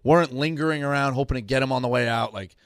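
A man in his thirties cracks jokes and talks fast in a loose chat with friends. His pitch sits in the middle, and the recording is dry and close. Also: no echo. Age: 30s. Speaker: podcast co-host. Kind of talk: casual chat.

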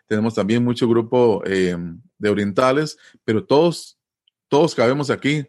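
A man's voice: mid-range voice, normal speed, darkish tone. Costa Rican man explaining patiently. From Costa Rica. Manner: patient, repeats himself, frequent fillers and tag questions. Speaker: interviewee. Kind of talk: casual conversational explanation.

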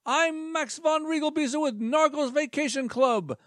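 A man voicing a pompous timeshare salesman in a grand sales-pitch manner. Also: a little slow, fairly bright tone, no room sound, studio quality. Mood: salesy.

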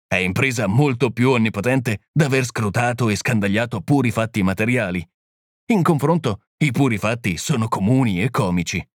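A man narrating a detective story in a measured, even reading. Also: medium pitch, dry recording, studio quality. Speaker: audiobook narrator. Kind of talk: scripted narration.

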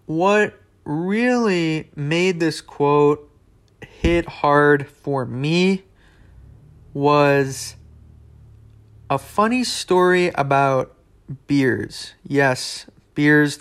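A man's voice: fairly high pitch, very slow, pauses often, a bit bright, clear, resonant tone. A young man hosting a podcast in a casual, rambling, conversational way, full of asides. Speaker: podcast host. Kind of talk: casual solo podcast talk.

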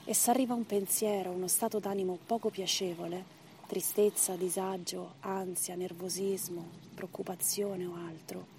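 A woman leading a guided breathing meditation as instructor, in short measured phrases and counts with pauses between them. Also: lowish voice, fairly even intonation, warm tone, slight background noise.

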